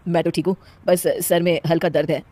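A woman's voice: fairly low pitch, steady tone, a little fast, warm tone, no room sound, lightly acted. A woman voicing a young husband in a cartoon, speaking in a plain, reasoning tone. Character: young husband, patient then annoyed.

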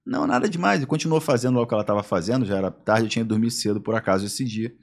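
A man's voice: on the low side, very fast. A man with a Brazilian accent telling anecdotes as a podcast guest, acting out the voices in his stories. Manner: animated, acts out voices in anecdotes. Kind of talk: casual storytelling.

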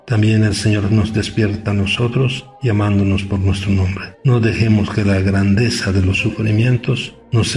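A man, a bishop, reading a gospel passage and giving a measured, reflective homily full of repeated questions. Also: fairly low pitch, creaky, darkish tone.

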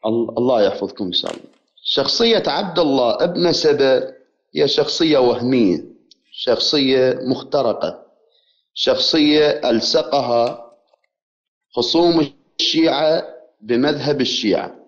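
A man calling in to a debate show, speaking in a measured, formal way and insisting on finishing his point. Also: medium pitch, expressive, muffled recording. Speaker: caller. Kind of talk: religious debate by phone.

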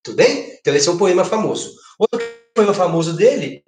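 Lively Brazilian teacher in an echoey room. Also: male voice, sits high, fast, faint music behind. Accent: Brazilian Portuguese. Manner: lively, gesturing, asks frequent tag questions. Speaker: literature teacher. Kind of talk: online exam-prep lesson. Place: home living room with a projected screen.

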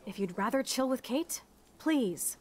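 A woman's voice: a little high, expressive, a little slow, a crowd in the background. An actress voicing a rebellious, jealous young punk woman in a video game, snarky and sarcastic.

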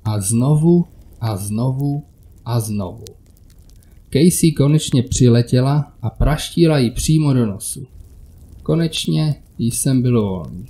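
A man narrating a first-person horror story in a measured, scripted storytelling delivery. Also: medium pitch, expressive, dark tone.

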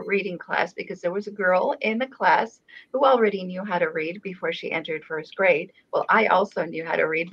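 A woman raised in Israel, Hebrew her native tongue, hosts a casual video call chat for her channel from a home room featuring a framed painting. She speaks at a fairly low pitch, unhurried, with frequent pauses and fillers. The audio, captured by webcam, is dull and lo-fi.

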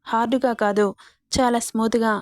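A teasing, coaxing young male lover, read out by a woman storyteller. The voice sits a little high and sounds mellow and warm, recorded close and dry. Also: fairly even intonation, normal speed, no echo, lightly acted. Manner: coaxing, playful.

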